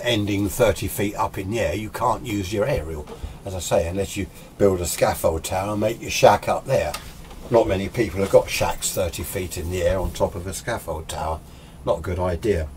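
A British man in his sixties, an amateur radio hobbyist with a lowish voice, presents an informal tutorial off the cuff. He's chatty and opinionated, rambling as he goes. Clear noise sounds behind him in his small indoor radio workshop.

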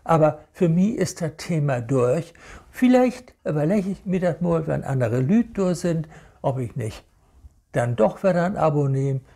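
A man with a Hamburg Low German accent, talking in a casual, rambling monologue and sounding indignant. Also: animated, a little slow, gravelly, warm tone. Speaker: vlogger.

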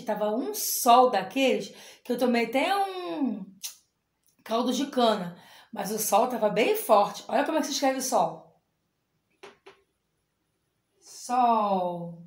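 A woman teacher, giving an animated, sing-song lesson to young children and sounding out letters slowly. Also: on the high side. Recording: echoey room.

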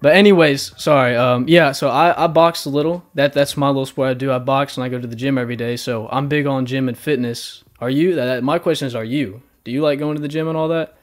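A man with a Southern US accent chatting casually over voice chat. He talks on and on, drifts off topic and circles back. His voice sits at a middle pitch, with faint music under it. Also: fairly even intonation, fast talker, few pauses. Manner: rambling, talkative, easily sidetracked. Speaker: dating show contestant.

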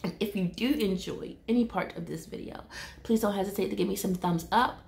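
Woman vlogger, 30s, casual and rambling, some vocal fry. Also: mid-range voice, brisk, a little mellow. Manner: chatty, loose and self-correcting, laughing at herself. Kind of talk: casual vlog talk to camera. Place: indoor room with window blinds. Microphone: camera in front of her.

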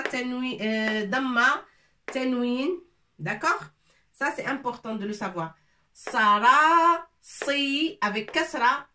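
Slow, bright-voiced woman teacher, distant mic. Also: a little high, slight background noise. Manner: patient, repeats sounds slowly, checks in with "d'accord?". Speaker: Arabic teacher. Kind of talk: slow whiteboard language lesson.

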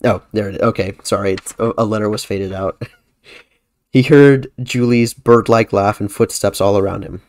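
A man's voice: on the low side, fairly even intonation, normal speed, darkish tone. A man hosting a podcast who reads his own horror story aloud in a casual way, often correcting himself. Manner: casual, self-correcting reading. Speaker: podcast host.

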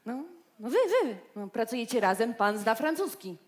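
A woman in a stage comedy sketch, playing the boss's daughter who briskly hands out orders. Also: a little high, lively intonation, a little hiss or hum.

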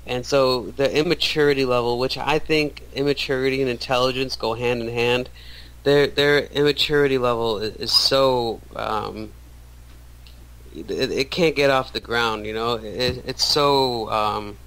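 Bright, clear-voiced man in his thirties. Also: mid-range voice, steady tone, low-quality recording. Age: 30s. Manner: halting, many restarts and fillers. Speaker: guest. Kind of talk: casual interview talk.

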